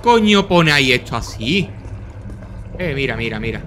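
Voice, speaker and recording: A young man with a Spain Spanish accent giving live gameplay commentary, talking to himself in quick repeated bursts and swearing and yelping whenever he is under attack. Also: medium pitch, background noise. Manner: excitable, swears and yelps when under attack. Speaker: gaming channel host.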